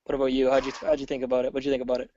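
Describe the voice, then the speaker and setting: A man chatting casually as a guest, an excitable fan who rambles and restarts often, heard over a dull remote call. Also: mid-range voice, rapid-fire. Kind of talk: casual sports chat.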